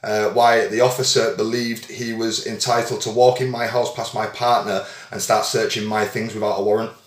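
A man's voice: on the low side, level tone, normal speed, reverberant. A young man talking informally and hesitantly, often repeating phrases and calling people mate. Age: young adult. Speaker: vlogger on a phone call with police. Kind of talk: conversational phone call, informal. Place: small indoor room at home.

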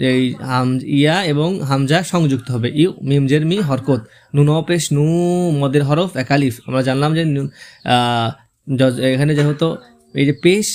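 A man teaching Quran reading step by step, spelling out letters and vowel marks, then reciting the words slowly. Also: fairly high pitch.

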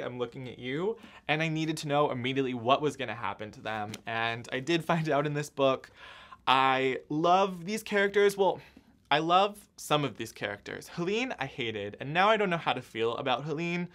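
A man's voice: mid-range voice, fairly bright tone. A young man hosting a casual book haul vlog, chatty and upbeat, cracking self-mocking jokes while filming alone indoors. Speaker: book vlogger.

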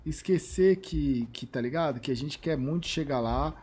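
A man's voice: a little high, normal speed, a little mellow, slight background noise. Brazilian man chatting over a live game. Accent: Brazilian Portuguese. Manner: repeats short phrases, slangy, thinks aloud. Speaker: game streamer. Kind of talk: live gameplay commentary.

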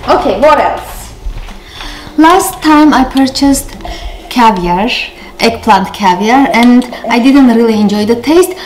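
A middle-aged woman with an Armenian accent chats as she tastes groceries in her kitchen, in a fairly high voice. She is a bit under the weather. The room echoes, and music plays underneath. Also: expressive, slow. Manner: chatty, tasting and commenting on food. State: recovering from a cold. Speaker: vlog host. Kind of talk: casual family vlog chat.

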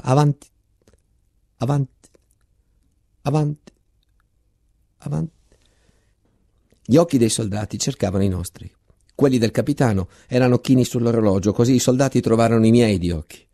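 A man giving an intense, measured dramatic reading of a literary text, repeating words for effect. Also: fairly low pitch, mellow. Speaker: reader.

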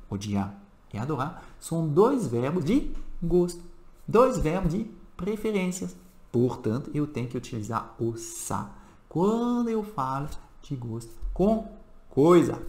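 Guy teaching, really animated up-and-down voice, kinda echoey room. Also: on the high side. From France. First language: French. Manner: animated, emphatic teacher's delivery. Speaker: French teacher. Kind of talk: language lesson.

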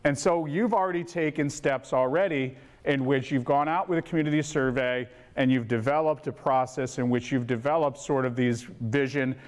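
A man with a loud, booming teacher voice, leading a school board workshop on a lapel mic and putting questions to the room. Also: moderate pace, hardly any pauses. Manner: gets louder when animated, asks the room questions. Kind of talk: interactive presentation to a meeting.

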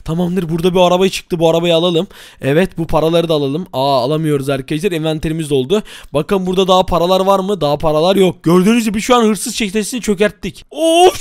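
A young man giving excitable running commentary on a game, often calling out to his viewers. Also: high-pitched, no room sound, clean studio sound. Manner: excitable, addresses viewers, frequent exclamations. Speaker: gaming YouTuber.

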